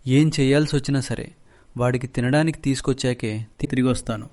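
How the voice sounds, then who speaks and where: Man doing a humble pleading farmer, worried father, cartoon story, mid-pitched voice. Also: steady tone, a little fast, a little mellow, lightly acted.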